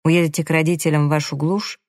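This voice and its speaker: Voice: medium pitch, little pitch movement, dry recording, clean studio sound, lightly acted. A reader voicing a condescending man who coaxes his secretary in an audiobook. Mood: scolding. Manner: coaxing, slow, smirking. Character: male employer, smooth seducer, condescending. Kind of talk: audiobook character reading.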